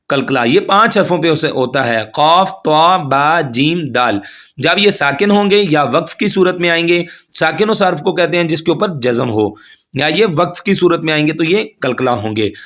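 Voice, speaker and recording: Man, tajweed teacher, slightly high voice, patient explaining, slow stretched recitation. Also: fairly bright tone. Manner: patient, repeats each point and checks in with "theek hai"; chants Arabic words slowly and stretched out. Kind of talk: tajweed lesson.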